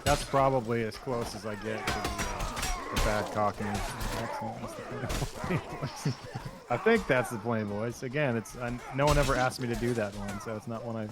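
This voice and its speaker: A man who works as a game voice actor, chatting as a guest in a relaxed, hesitant way, calling in remotely. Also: lowish voice, moderate pace, loud music behind the voice. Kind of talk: casual chat as a guest.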